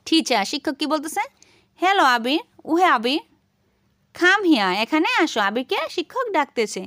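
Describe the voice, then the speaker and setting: A woman with a Bangladeshi accent teaching a primary English lesson, saying English phrases slowly and carefully. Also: high-pitched, sing-song, bright, forceful tone, no room sound, studio quality.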